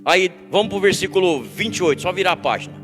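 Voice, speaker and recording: Brazilian male pastor, middle-aged, high voice, emphatic sermon storytelling, long hall reverb, faint music bed. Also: animated, quick pace. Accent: Brazilian Portuguese. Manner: storytelling with acted quotes, emphatic preaching.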